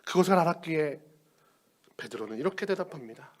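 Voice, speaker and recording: A male pastor preaching an earnest sermon, moving between loud appeals and hushed words. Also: a little high, lively intonation, fairly quick.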